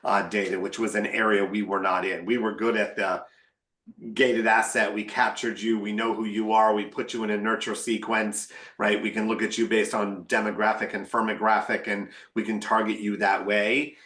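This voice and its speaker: A man's voice: on the low side, level tone, normal speed, pushed and bright, reverberant. A man, a marketing executive, answering on a webinar panel in a candid, wry way, thinking aloud.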